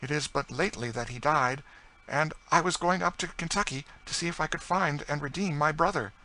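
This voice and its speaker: Storybook French lady, voiced by a man, lifted high pitch, proud, emotional, eager questioning, precise. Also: a little fast, pushed and bright, rough recording. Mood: proud, earnest.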